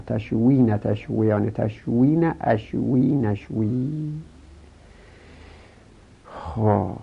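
A man teaching a grammar lesson, his low voice gravelly with fry. He recites verb conjugations in a quick sing-song chant. The recording sounds dull and lo-fi.

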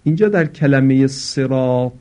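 A man giving an instructional talk on reciting prayers correctly, explaining patiently and slowing down to stress the example words. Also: medium pitch, warm tone. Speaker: religious teacher. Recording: slightly dull lo-fi recording.

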